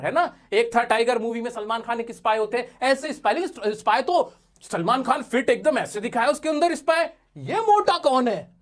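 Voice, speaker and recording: Playful male teacher quizzing himself. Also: sits high. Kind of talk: animated exam-prep lecture.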